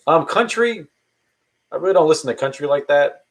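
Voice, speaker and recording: A man in his early thirties chats casually on a live stream, answering viewer questions. His voice is a little high, brisk and lively in intonation, and he rambles hesitantly with many restarts.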